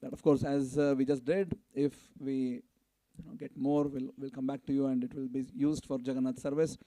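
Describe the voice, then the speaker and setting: A man with a medium-pitched, mellow voice speaks at a normal speed in a flat manner, with no room sound. He is an event announcer and fundraiser at a temple, making live fundraising announcements to a community gathering there and urging and prompting his listeners to respond.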